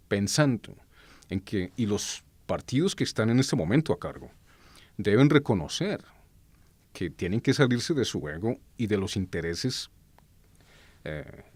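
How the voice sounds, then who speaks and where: A Colombian-born man with a very deep voice delivers earnest political commentary. He pauses often with hesitations and corrects himself mid-sentence. The sound is dry and close, with no room echo. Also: breathy edge.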